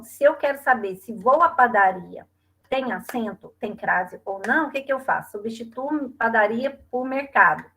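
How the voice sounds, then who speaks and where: A middle-aged woman with a Brazilian Portuguese accent gives an online grammar lesson. Her voice sits a little high, and she explains step by step. She often tags her sentences with a question to keep her students with her. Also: a bit bright. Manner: explanatory, frequent tag questions. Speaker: teacher. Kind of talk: online class lecture.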